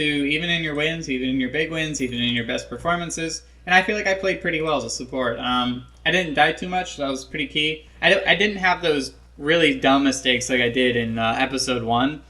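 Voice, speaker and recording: A man's voice: medium pitch, sharp tone. A young man giving casual, self-critical commentary over his own match footage, rambling with lots of ums and likes, drowsy and yawning. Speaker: gameplay analyst.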